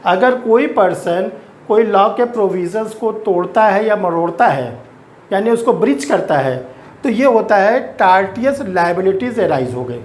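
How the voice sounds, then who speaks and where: A middle-aged man with an Indian accent giving an exam-focused law lecture, slowly stretching out key terms and mixing in English legal words. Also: high-pitched. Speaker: law teacher.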